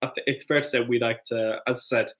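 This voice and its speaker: A man's voice: mid-range voice, fairly even intonation, fast, a bit bright. Tipsy Irish man rambling casually. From Ireland. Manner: rambling, loose and jokey, many restarts. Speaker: co-host. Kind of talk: casual chat.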